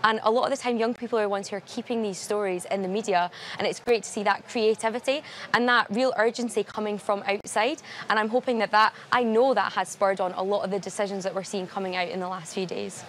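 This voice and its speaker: A woman's voice: mid-range voice, fast, hardly any pauses, slight background noise. A young woman, a climate campaigner speaking earnestly and articulately in a live news interview at a summit. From Glasgow, Scotland. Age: young adult. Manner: earnest, steady and articulate, stressing urgency. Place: at a large climate summit venue.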